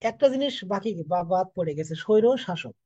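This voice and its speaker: A soft-spoken man in his thirties from Bangladesh, teaching an online English class for admission coaching. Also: high-pitched, expressive, brisk, no room sound, lo-fi sound.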